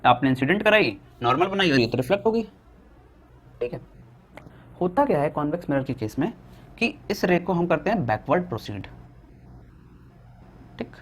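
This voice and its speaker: A young Indian man teaching a physics lesson at a board, asking questions and answering them himself, slowing down to dictate definitions. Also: on the high side, big pitch swings, a little hiss or hum. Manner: asks students questions and answers them himself, repeating key points.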